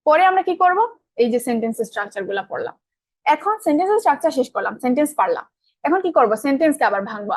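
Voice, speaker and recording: Female online grammar teacher, young, rapid-fire delivery, quizzing her class, dry close mic. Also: on the high side, no room sound. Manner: asks the class questions and answers them herself; colloquial, mixes in English terms.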